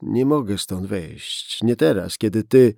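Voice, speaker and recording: A man's voice: on the low side, slow, gravelly, dry recording, clean studio sound, exaggerated voice. Man doing a shaken young cop. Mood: pleading. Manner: pleading, calm on the surface. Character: young male police officer, frightened but steady.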